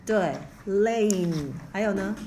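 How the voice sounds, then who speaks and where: A woman teacher leads a classroom pronunciation drill, firing short questions and echoing each word back to correct her students. Her voice sits at an ordinary middle pitch. A faint hiss runs underneath. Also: takes it slowly, mellow.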